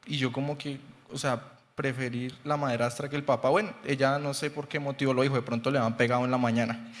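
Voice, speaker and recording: A man's voice: medium pitch, little pitch movement, a little fast. A man in his twenties with a Bogotá Colombian accent, giving a chatty testimonial sermon in church, often checking in with "¿sí?". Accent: Bogotá Colombian Spanish. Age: 20s. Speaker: young preacher. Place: church sanctuary. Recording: long church hall reverb.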